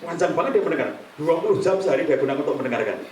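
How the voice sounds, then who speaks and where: A man's voice: on the high side, rapid-fire, a little hiss or hum. Middle-aged man teaching counseling in an echoey room. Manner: lively, acts out examples in quoted voices. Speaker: counseling trainer. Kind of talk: live workshop talk. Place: meeting room with a live audience. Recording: echoey room from far off, faint ambience.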